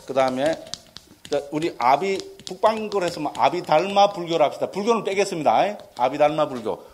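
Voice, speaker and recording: Monk, middle-aged man, high voice, lively teaching with constant checks for agreement. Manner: animated, keeps asking the audience for assent. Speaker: Buddhist monk lecturer. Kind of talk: dharma lecture.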